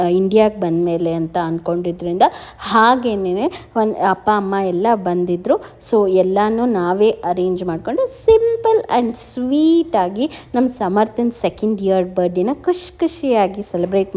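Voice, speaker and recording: A woman's voice: medium pitch, a little slow, warm tone. A woman narrating a family vlog in a chatty voice-over, mixing English words into her telling. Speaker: vlogger and mother.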